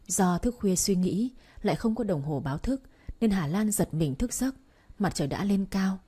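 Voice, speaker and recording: A woman narrating an audiobook in a calm, steady reading voice. Her tone is low and mellow, with a soft, breathy edge.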